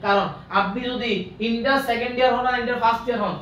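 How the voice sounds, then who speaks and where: A man's voice: extremely high pitch, steady tone, fast, a bit bright, a little hiss or hum. A man teaching accounting in a live online class, playful and repetitive, drilling rules that the students recite with him. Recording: echoey, distant, dull lo-fi room sound.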